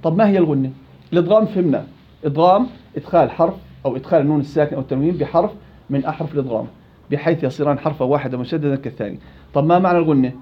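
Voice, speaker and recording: A man with a Levantine Arabic accent teaching Quran recitation, quizzing students, praising answers and stretching out example words slowly. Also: fairly high pitch, lo-fi sound. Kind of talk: classroom teaching.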